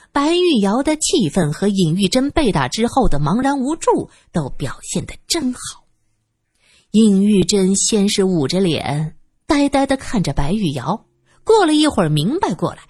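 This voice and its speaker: Husky, lively woman storyteller. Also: mid-range voice, no echo. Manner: expressive, acting out the scenes. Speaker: narrator. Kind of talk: storytelling audiobook narration. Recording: dry close voice with faint music.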